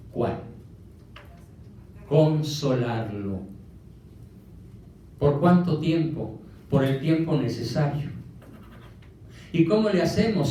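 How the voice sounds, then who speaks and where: A man with a Mexican accent delivers a motivational lecture, speaking emphatically and firing rhetorical questions at his audience. His voice is a little high and mellow, with a slight hiss or hum. The recording comes from a distant mic in an echoey room.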